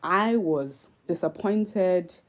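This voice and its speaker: Talking very slowly in a fairly low voice, a twenties-aged woman with a mixed Nigerian-British accent shares her opinions to camera on her YouTube vlog. She comes across as earnest and candid, with plenty of fillers and restarts.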